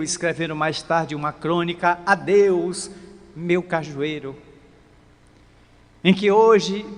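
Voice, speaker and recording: A man giving a dramatic, storytelling spiritist sermon in a lecture hall, swinging between loud and hushed. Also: fairly high pitch. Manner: dramatic, with big swings in loudness. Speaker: spiritist speaker. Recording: long reverb of a lecture hall.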